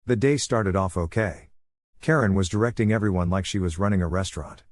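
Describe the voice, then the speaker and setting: A man narrating a first-person story in a steady, even way with dry asides. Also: low voice, a little fast, no echo.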